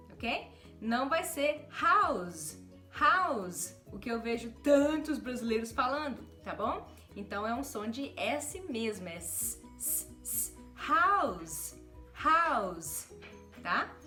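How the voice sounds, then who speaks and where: A woman's voice: fairly high pitch, a bit bright, roomy sound. A Brazilian woman teaching pronunciation in a casual video lesson, chatty and laughing often, with Portuguese as her first language. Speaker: English teacher.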